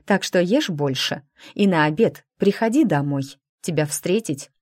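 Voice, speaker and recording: Protective big sister , woman reading her, soft but firm, low voice, dry. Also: lively intonation, measured pace, dry recording. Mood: gentle, firm. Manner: gentle but firm, scolding softly. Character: caring, protective young woman, elder sister.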